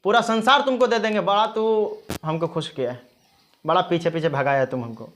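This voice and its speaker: A storyteller voicing God disguised as a village priest, calm and coaxing in a folk tale. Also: mid-range voice, moderate pace, lightly acted.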